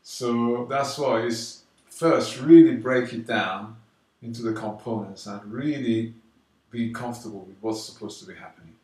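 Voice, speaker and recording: A man teaching a drum rhythm, explaining calmly and counting the beats out loud, slow and emphatic. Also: mid-range voice. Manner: counts beats aloud loudly and slowly between calm explanations. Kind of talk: casual drum lesson. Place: London. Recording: roomy echo, mic at a distance, drumming.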